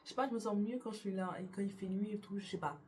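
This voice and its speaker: A woman's voice: medium pitch, fast, darkish tone, slight background noise. A young woman casually answering get-to-know-me questions for her vlog in her bedroom, often hesitating and restarting her sentences. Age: young adult. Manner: hesitant, many fillers and restarts. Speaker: YouTuber. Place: her bedroom beside a window.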